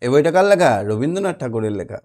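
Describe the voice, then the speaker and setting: A man's voice: mid-range voice, animated, racing, a little mellow. A man teaching a children's reading lesson, coaxing small children and asking them to repeat after him in a sing-song way. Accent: Bengali (West Bengal).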